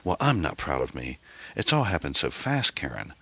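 A man's voice: a bass voice, big pitch swings, normal speed, vocal fry, sharp tone, slightly rough, no echo, heavily acted. A man playing an anxious, guilt-ridden single mother. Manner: hesitant, worried.

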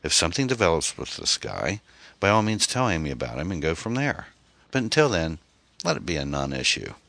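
A man voicing a gentle, supportive middle-aged woman who coaxes and reassures her anxious friend. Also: deep voice, very animated, fairly quick, creaky, dry recording, voice pushed up, full character voice. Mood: coaxing. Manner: coaxing, reassuring.

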